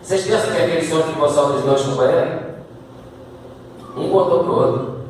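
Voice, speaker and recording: Brazilian male preacher, high voice, far off in a reverberant church hall, animated sermon delivery. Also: a little fast, a little hiss or hum. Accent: Brazilian Portuguese. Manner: animated, swings from low asides to shouted climaxes. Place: church sanctuary. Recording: echoey church hall, distant mic.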